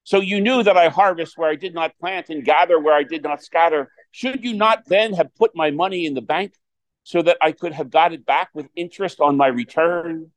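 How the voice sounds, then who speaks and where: Measured male priest preaching, slightly high voice. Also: low-quality recording. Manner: measured, deliberate, with dramatic pauses. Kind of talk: scripture reading and sermon.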